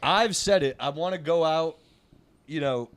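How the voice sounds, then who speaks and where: A man's voice: fairly high pitch, unhurried, no room sound. A young man co-hosting a podcast, telling long rambling anecdotes in casual chat and laughing mid-sentence. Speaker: podcast co-host.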